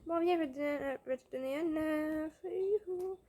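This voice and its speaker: High-voiced woman gaming. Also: moderate pace, warm tone. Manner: chatty, with fillers and restarts. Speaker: gaming video host. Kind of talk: casual gameplay commentary.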